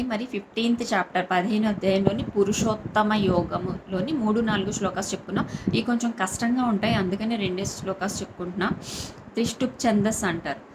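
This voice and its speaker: A woman teaching Sanskrit verse recitation, repeating each word in slow broken pieces and then explaining the pronunciation in quicker, quieter asides. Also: mid-range voice, background noise. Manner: drills words slowly in fragments, then explains pronunciation quickly and softly. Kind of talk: slow syllable-by-syllable chanting lesson.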